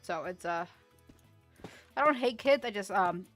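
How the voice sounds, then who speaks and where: A young woman streams and chats off the cuff, her voice bright and forceful. She rambles, restarts her sentences and often laughs, with soft music playing behind her. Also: medium pitch, lively intonation, a little slow. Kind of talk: casual livestream chat while gaming.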